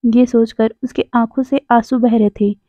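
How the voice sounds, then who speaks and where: A woman's voice: a little high, fairly even intonation, normal speed, dark tone, no echo. A woman narrating a fan story for viewers, rephrasing as she goes. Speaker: fanfiction narrator. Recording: tinny phone-like dry sound.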